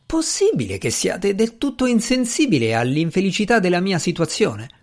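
A man's voice: medium pitch, animated, unhurried, lightly acted. A man reading aloud voices a grieving, proud society lady with a cutting, scornful manner. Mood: incredulous.

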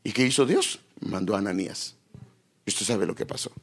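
A man's voice: on the low side, fairly quick, breathy edge. A man preaching a sermon, quoting scripture and calling his listeners brother.

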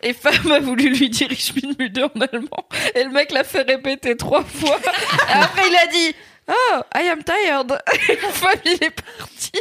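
A woman from Alsace co-hosting a podcast, telling stories in a lively, teasing casual chat. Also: high voice, moderate pace, few pauses. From Alsace, France. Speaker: podcast co-host.

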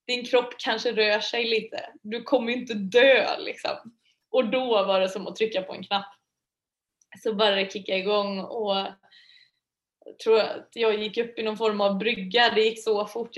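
A woman guest telling a personal story in a lively, chatty way, laughing often and using many fillers. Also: mid-range voice. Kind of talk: casual storytelling.

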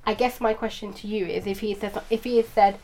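A woman's voice: mid-range voice, fairly even intonation, brisk, darkish tone. A woman in a casual philosophical chat, asking questions and weighing ideas conversationally. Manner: questioning, conversational, uses fillers.

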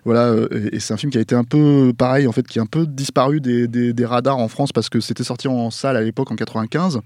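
A man on a panel talking casually about a film he loves, rambling and halting, often correcting himself. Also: medium pitch, fairly even intonation, darkish tone, no room sound, clean studio sound. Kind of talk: casual film recommendation chat.

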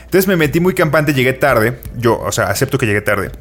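A man's voice: mid-range voice, very animated, a little fast, fairly bright tone, soft background music. A man with a Mexican accent, co-hosting a podcast, telling a long story casually with slang and restarts. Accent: Mexican Spanish. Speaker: podcast co-host. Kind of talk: casual chat.

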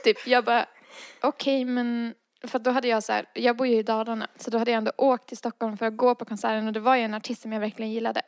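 A woman tells a personal story in a casual, chatty way, slipping into the voices of the people in it. Her voice sits a little high and has a gravelly fry to it. The sound is dry and close. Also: little pitch movement, no echo. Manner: acts out quoted dialogue, frequent fillers. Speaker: guest telling a personal story.

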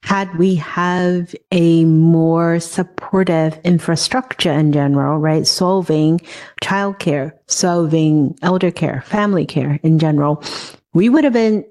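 A woman from Hong Kong hosting a podcast, speaking in an animated way and acting out bits of quoted conversation. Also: low-pitched, slow. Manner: animated, acts out quoted dialogue. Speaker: podcast host. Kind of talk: casual podcast interview.

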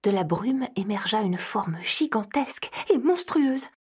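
Breathy woman narrating a storybook. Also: a little high, unhurried. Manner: expressive storytelling. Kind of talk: scripted narration.

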